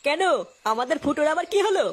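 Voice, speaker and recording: A woman's voice: high-pitched, lively intonation, fast. A woman voicing a stammering gossipy village man. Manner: stammering when scared. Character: gossiping cowardly male village friend.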